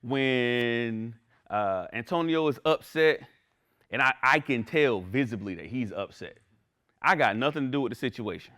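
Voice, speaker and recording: A man teaches in a chatty, animated lecture style, frequently checking in with his students by asking "right?" His voice sits at medium pitch, and he talks a little slowly.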